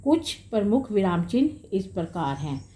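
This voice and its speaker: A woman's voice: mid-range voice, big pitch swings, normal speed, mellow. A woman teacher giving a grammar lesson to pupils, calling them children and dear and explaining with worked examples.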